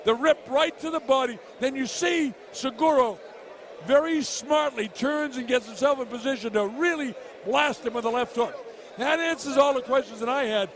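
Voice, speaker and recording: A man's voice: very high voice, normal speed, fairly bright tone. A man giving emphatic, explanatory fight commentary, breaking down replays and repeating key points. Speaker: boxing commentator. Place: ringside at an arena. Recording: crowd murmur at ringside broadcast. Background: crowd noise.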